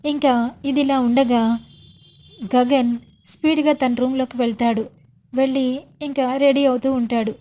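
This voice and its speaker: A woman with a high voice retells a serial episode in casual, chatty narration. She is animated and slides straight into the characters' lines as she goes. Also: measured pace, long pauses. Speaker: storyteller.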